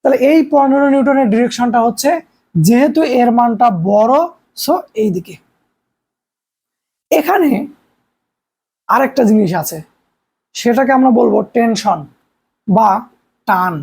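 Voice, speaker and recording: A man's voice: very high voice, measured pace, gravelly, long pauses, darkish tone, slightly rough. A young man from Bangladesh giving a recorded physics lecture, explaining step by step with everyday examples and rhetorical questions. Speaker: physics teacher.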